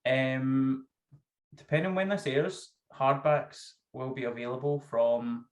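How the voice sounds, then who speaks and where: Thick-accented Scottish male, thirties, guest author in relaxed conversational interview, medium pitch. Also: takes it slowly. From Scotland. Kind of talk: casual interview chat. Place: small home room, video call. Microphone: video call.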